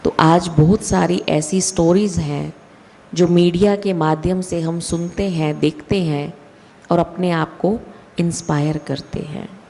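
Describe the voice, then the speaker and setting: A woman giving a slow, deliberate spiritual talk with emphatic rises in her voice. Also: fairly low pitch, fairly even intonation, dark tone. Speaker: spiritual speaker. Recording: long hall reverb.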